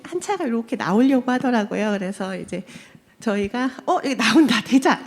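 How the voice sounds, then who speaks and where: A woman's voice: medium pitch, in a large hall. A woman in her thirties telling a personal testimony to a congregation, acting out the voices in her story and laughing often. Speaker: church member giving testimony. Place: church sanctuary.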